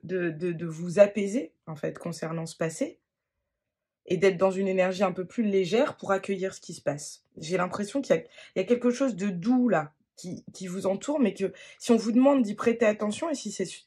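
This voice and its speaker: This is an unscripted card-reading monologue by a tarot reader whose voice is husky, a little breathy, and pitched in the middle range. Her delivery is soft and hesitant, with many fillers and false starts.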